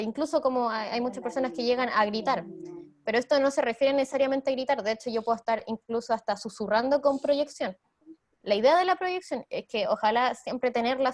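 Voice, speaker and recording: A young Chilean woman presenting a theater workshop, explaining voice technique in a lively way and laughing easily. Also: on the high side. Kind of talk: online workshop talk.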